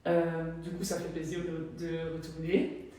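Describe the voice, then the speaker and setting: Young woman, Flemish accent, relaxed chatty home tour, roomy echo, away from the mic, faint background ambience. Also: sits low, measured pace, a little hiss or hum. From Belgium. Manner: relaxed, chatty, with many fillers. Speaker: volleyball player. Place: rooms of her home. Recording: echoey room from a distance.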